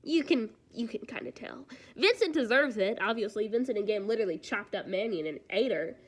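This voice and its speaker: A woman streamer reading fan fiction aloud live, breaking off into chatty, animated reactions. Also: on the high side, fairly quick, slightly rough.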